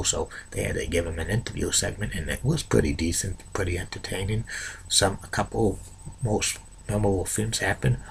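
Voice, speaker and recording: A man hosting an unscripted countdown in a halting, repetitive way, stumbling over his words. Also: low-pitched, gravelly, a bit bright. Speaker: host of a top ten countdown series. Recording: noisy amateur recording.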